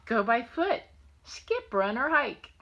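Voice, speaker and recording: On a muffled recording, an older woman reads a picture book to her small grandchild and chats with them in a fond, playful sing-song. Her slightly high voice swings widely in pitch, sounds pushed and bright, and she takes her time.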